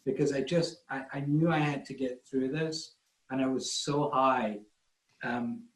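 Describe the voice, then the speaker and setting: This Scottish guest photographer has a medium-pitched voice and a measured delivery. Chatting informally online, he wanders through self-deprecating anecdotes while his audio carries a roomy echo.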